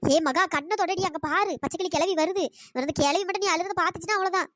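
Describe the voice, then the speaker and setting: A woman doing a bossy cartoon girlfriend, squeaky. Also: fast, fairly bright tone, no room sound, studio quality. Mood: scolding. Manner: scolding, coaxing. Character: bossy young woman, the bride's friend. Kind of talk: cartoon storytelling voice.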